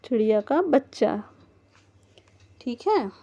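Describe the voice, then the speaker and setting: A woman's voice: on the high side, big pitch swings, slow pace, mellow. A woman teaching a first-grade textbook lesson to young children, patiently sounding out words letter by letter. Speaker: primary school teacher. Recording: dull lo-fi recording.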